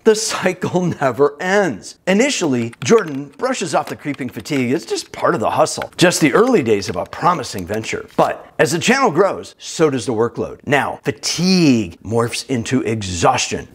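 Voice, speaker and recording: A man giving scripted narration in a lively, emphatic storytelling manner, with a husky voice. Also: fairly high pitch.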